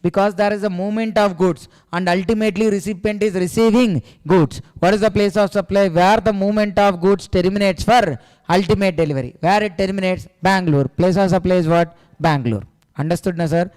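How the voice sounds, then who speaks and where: A man's voice: high-pitched, brisk, darkish tone, clean tone. A man with a South Indian accent lecturing as an exam coach, repeating key phrases, posing questions he answers himself and often saying "sir". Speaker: tax exam coaching teacher. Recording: echoey hall-like reverb.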